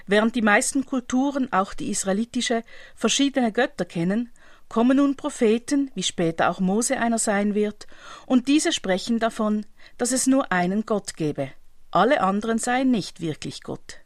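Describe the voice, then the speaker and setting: Calm woman giving a measured sermon. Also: a little high, no echo, studio quality. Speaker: preacher. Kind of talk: scripted religious reflection.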